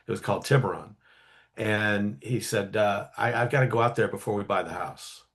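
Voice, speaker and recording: A man telling a story casually in an interview, animated, with many fillers and quick acted-out quotes. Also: on the low side. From California, USA. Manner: animated, acts out quoted voices, frequent fillers. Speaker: guest storyteller.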